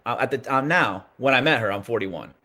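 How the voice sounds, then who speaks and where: A man's voice: medium pitch, animated, fairly quick, a crowd in the background. A man in his forties on a casual talk panel, telling a personal story loosely and repeating words as he goes. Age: 40s. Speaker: panel guest. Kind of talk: casual chat.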